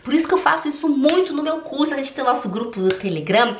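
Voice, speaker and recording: Animated woman teacher, roomy echo. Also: high-pitched, quick pace, slight background noise. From Brazil (Belém do Pará). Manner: animated, emphatic, addresses viewer directly, laughs easily. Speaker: German teacher and online course creator. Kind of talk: motivational talk to camera. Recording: roomy echoey room.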